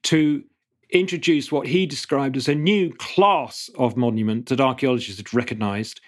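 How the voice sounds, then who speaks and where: A middle-aged man, an archaeologist answering interview questions thoughtfully, with halting restarts between fluent explanations. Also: mid-range voice. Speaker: archaeologist guest.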